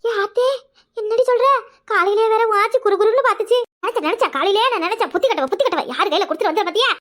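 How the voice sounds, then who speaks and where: Woman voicing a fast, bright-voiced nagging cartoon mom, southern Tamil village accent. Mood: panicked. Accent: southern Tamil Nadu village Tamil. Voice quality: shrill, fast, exclaiming. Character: scolding village mother, loud and quick-tempered. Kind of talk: cartoon voice acting.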